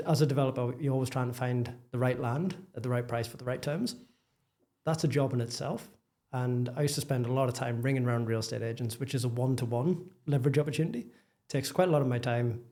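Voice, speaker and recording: A man's voice: medium pitch, fairly even intonation, quick pace, dark tone. A man with a Geordie accent, a property developer talking candidly and self-deprecatingly as a podcast guest. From northeast England. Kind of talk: casual interview chat.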